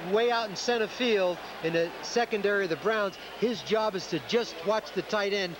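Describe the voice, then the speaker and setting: An American man working as a color commentator, explaining football replays in an emphatic, repetitive way on an old television broadcast. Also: high voice. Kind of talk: football analysis over replays. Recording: very noisy 1980s TV broadcast.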